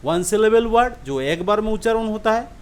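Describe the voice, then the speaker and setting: A man gives a patient lesson, stretching example words out slowly and pausing to ask whether it makes sense. His voice sits a little high and rises and falls in a lively, animated way. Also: clean tone. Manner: repeats example words slowly, checks understanding with questions. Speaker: English teacher. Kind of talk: classroom-style lesson explaining syllables.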